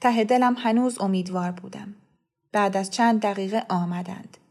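A woman narrating a novel in the first person, in a calm, measured storytelling voice. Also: medium pitch. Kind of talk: scripted audiobook narration.

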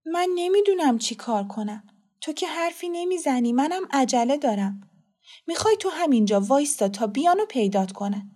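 A woman voicing a kind grown woman who coaxes a lost child slowly and gently. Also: high voice, voice pushed up. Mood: flustered. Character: kind, hurried adult woman, gentle then flustered.

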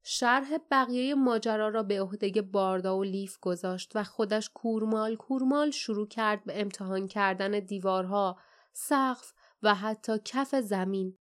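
A woman reading an audiobook in measured, expressive scripted narration. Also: medium pitch.

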